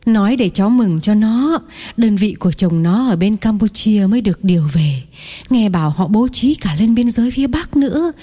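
A man's voice: high voice, animated, normal speed, dark tone, voice pushed up. A man putting on a fretful old village aunt. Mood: sympathetic. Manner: fretful, exclaiming, clucking sympathy. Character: fussy, talkative elderly aunt, village woman. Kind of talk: audiobook narration.

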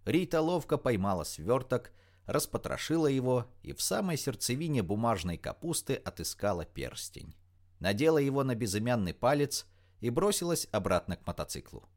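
A man reading an audiobook in an expressive, dramatic narration style. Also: medium pitch, moderate pace.

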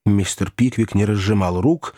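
A man narrating a classic novel as an audiobook in an expressive, animated way. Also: fairly low pitch, moderate pace, no echo, clean studio sound.

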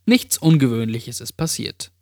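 Calm man reading a creepy story. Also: mid-range voice, no room sound, studio quality. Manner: calm, slow, hushed storytelling. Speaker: horror story narrator. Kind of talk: first-person creepypasta reading.

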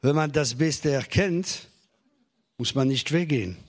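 Husky-voiced male preacher. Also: medium pitch, unhurried. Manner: preaching to a congregation with jokes and rising emphasis. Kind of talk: sermon.

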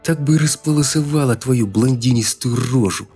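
A man's voice: fairly even intonation, normal speed, darkish tone, faint music behind, natural voice. A male narrator voicing a hysterical, vicious woman who screeches threats and hisses insults. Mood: hissing. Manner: shrill, hissing, screaming threats.

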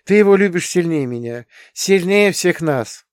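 A man's voice: high-pitched, animated, a little slow, clear, resonant tone, dry recording, studio quality, pitched above the performer's own voice. A man reading an audiobook and voicing an impulsive, heartfelt woman friend. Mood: earnest.

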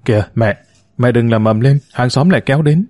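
A man reading as a calm, patient son-in-law. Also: medium pitch, brisk, no room sound, studio quality, close to an everyday voice. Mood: urging. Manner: calm, gently persuading. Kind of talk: audiobook narration.

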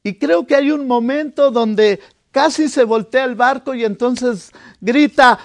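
A man preaching a sermon, telling a story dramatically and swinging from hushed lines to shouted ones. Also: very high-pitched, measured pace. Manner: dramatic, acting out the disciples' voices.

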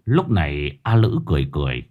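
A man's voice: very deep voice, huge pitch swings, a little fast, phone-quality sound. A man narrating a ghost story in a dramatic, action-filled telling.

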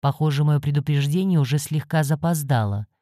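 A woman voicing a stern male stranger who speaks quietly and strictly. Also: deep voice, fairly quick, no echo, studio quality, natural voice.

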